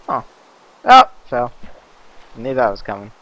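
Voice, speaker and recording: A man giving casual let's-play commentary, chatty and easily excited, yelping and laughing at mishaps. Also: medium pitch, a little slow, no room sound, dull audio. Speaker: gaming commentator.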